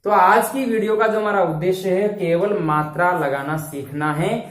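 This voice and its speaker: A man's voice: high voice, moderate pace. A male Hindi teacher giving a step-by-step lesson, often checking that his students follow along. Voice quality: explains step by step, often asks if it's understood. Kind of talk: classroom-style lesson. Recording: echoey room, distant mic, faint noise.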